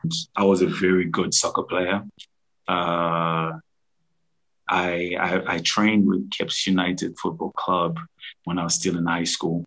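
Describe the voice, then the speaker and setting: A man in his thirties from Zimbabwe, a business founder telling his story over a video call in a halting, restarting way. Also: sits low, flat delivery, fairly bright tone, rough recording. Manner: halting, many restarts and fillers. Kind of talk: casual interview storytelling. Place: room at home, indoors.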